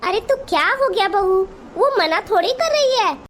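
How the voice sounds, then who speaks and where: Woman voicing a kindly older aunt, gentle, consoling, very high voice, cartoon. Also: expressive, moderate pace, a little hiss or hum. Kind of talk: Hindi cartoon voice acting.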